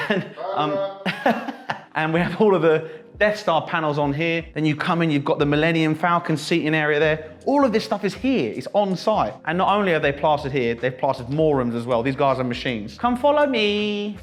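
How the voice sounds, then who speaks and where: A man's voice: fairly high pitch, expressive, normal speed. A British man hosting a casual vlog tour of a building under renovation, talking in an enthusiastic, jokey, exclamatory way. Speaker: vlog host.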